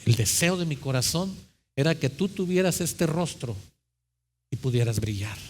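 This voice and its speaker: A man playing a patient, loving male potter who speaks slowly and gently. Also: expressive, a little hiss or hum, close to an everyday voice. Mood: tender. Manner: slow, low and gentle.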